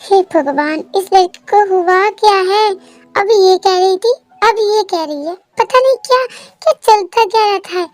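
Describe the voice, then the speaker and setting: A woman's voice: extremely high pitch, moderate pace, darkish tone, dry recording, faint music behind, pitched above the performer's own voice. A woman voicing a doting young husband who sounds exasperated but affectionate in a fan story.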